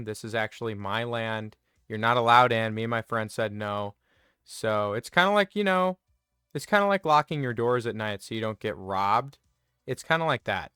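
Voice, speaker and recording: A man delivers a satirical comedy monologue with mock earnestness, rambling and getting himself worked up as he goes. His voice is smooth and resonant and sits at an ordinary middle pitch. It is recorded close and dry, with faint music underneath. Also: a bit bright, no room sound. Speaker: comedy video host.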